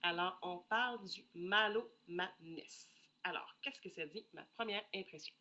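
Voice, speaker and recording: Speaking in a lowish, pushed and bright voice, a Québécois French-accented woman with a head cold reviews perfume samples in an unhurried, casual solo chat. She thinks aloud and apologizes frequently, and the recording sounds muffled.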